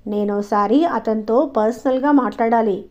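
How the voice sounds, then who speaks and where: A woman voicing a calm, self-assured young daughter who reasons gently but firmly in an audio story. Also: fairly high pitch, normal speed, lo-fi sound, natural voice. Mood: calm, reasoning. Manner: composed, reasoning, gently firm.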